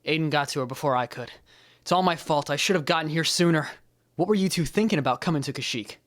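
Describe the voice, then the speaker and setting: A man's voice: medium pitch, moderate pace, lightly acted. A man playing a guilt-ridden young male Jedi who speaks earnestly and blames himself. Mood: worried. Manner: earnest, self-blaming, subdued.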